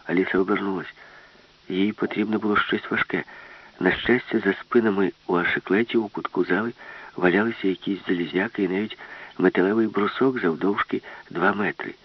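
A man narrating a story in a steady, low voice with a husky grain. The recording is dull and lo-fi, close and dry with no room around it. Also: a little fast. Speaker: audiobook narrator. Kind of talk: scripted narration.

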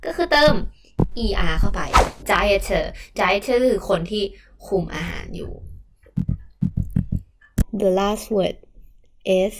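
A Thai woman teaching English vocabulary to high school students. She explains each word and asks the class questions in a coaxing way. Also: extremely slow, pauses often, noisy background. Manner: warm, coaxing, asks students questions and calls them "child".

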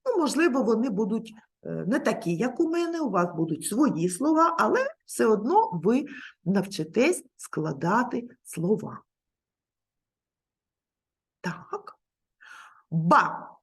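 Slow, lively kindergarten teacher woman. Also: fairly high pitch. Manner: gentle, slow and coaxing, addressing small children. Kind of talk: children's literacy lesson.

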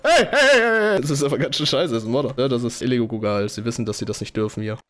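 A man's voice: medium pitch, very fast. A man streaming a role-play game, joking crudely and mocking other players in casual banter.

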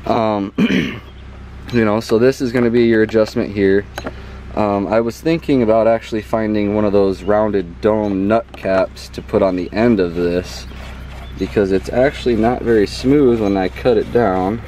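Deep-voiced man demonstrating outdoors. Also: fairly even intonation, a little slow, warm tone, a little hiss or hum. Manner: informal, says "okay?" often, with ums. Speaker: hobbyist explaining a homemade astrophotography mount. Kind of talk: casual hands-on demonstration. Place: outdoors in a yard by a house.

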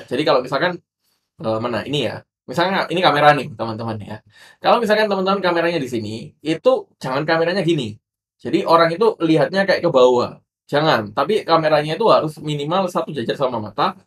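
A man with an Indonesian accent giving a casual tutorial to camera as a digital marketing instructor, in a room lit by a ring light. He talks in a chatty way, with many fillers and tags, and lifts his voice on key points. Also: mid-range voice.

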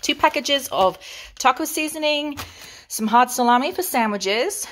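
A woman's voice: sits high, animated, measured pace, fairly bright tone, a little hiss or hum. A woman with an English accent, from England, chatting playfully through her grocery haul and savoring each item. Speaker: vlogger. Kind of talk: grocery haul show-and-tell.

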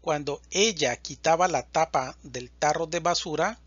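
A man teaching a slow, deliberate verb conjugation lesson, reading word lists with even spacing. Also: on the high side, husky, no room sound, lo-fi sound. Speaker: Spanish teacher.

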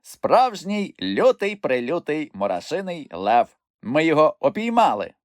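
A man's voice: on the high side, measured pace, dry recording, clean studio sound, pitched above the performer's own voice. Moomintroll, a man doing an eager young troll. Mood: excited. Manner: excited, raised and bright. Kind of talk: audiobook character voice.

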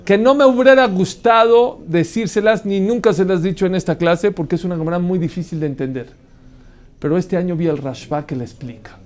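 A man teaching a Torah class, telling a long story with lively pauses and questions to his listeners. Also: sits high. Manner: animated storyteller, asks the audience questions, mixes Hebrew terms.

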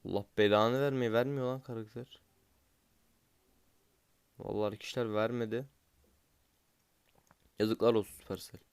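A man's voice: lowish voice, fairly even intonation, moderate pace, long pauses, clean tone, no echo. A young man from Turkey doing gaming commentary, impatient and swearing at the game as he opens loot boxes. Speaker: gaming YouTuber.

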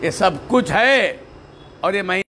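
A man's voice: high-pitched, animated, slow, sharp tone, a little hiss or hum. A man delivering a sermon as a preacher. He asks rhetorical questions, answers them himself and recites Arabic verses. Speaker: Sufi preacher.

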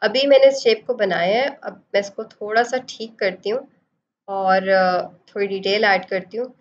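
A woman giving a screen-recorded design software tutorial, explaining each step and slipping English phrases into her talk. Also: mid-range voice, fairly even intonation, a little slow, a little hiss or hum. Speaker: design instructor. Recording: dull lo-fi voice-over.

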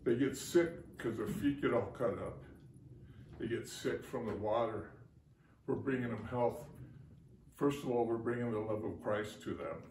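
A man's voice: mid-range voice, measured pace, a little mellow. Heartfelt older man in a roomy room. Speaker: ministry construction leader. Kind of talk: chapel talk. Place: living room, indoors. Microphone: far camera. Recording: roomy, distant camera audio with faint noise.

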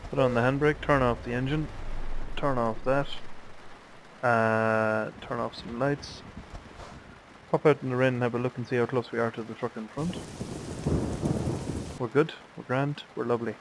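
A man's voice: medium pitch, fairly even intonation, a little slow, pauses often, a little hiss or hum. A tired man casually commenting on his own truck driving game, musing aloud to himself. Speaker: let's play gamer. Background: truck driving game sounds.

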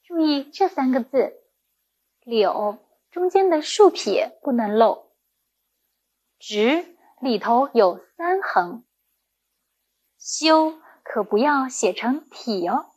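A woman's voice: sits high, animated, slow pace, pauses often, a little mellow, slightly rough. A woman primary school teacher giving a recorded lesson to young children, speaking in a patient, encouraging way.

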